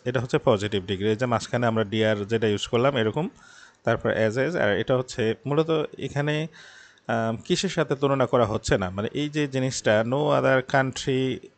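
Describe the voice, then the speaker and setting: A young male tutor speaking gives a grammar lesson. He explains patiently and step by step, slowing down to read out the example sentences. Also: medium pitch.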